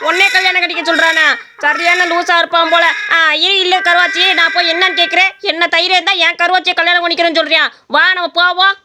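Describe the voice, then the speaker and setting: Woman voicing a shrill blustering village uncle. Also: flat delivery, fast talker, heavy background noise. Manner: blustering, shouting challenges. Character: bossy loudmouth village man, an uncle. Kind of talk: Tamil cartoon story voice acting.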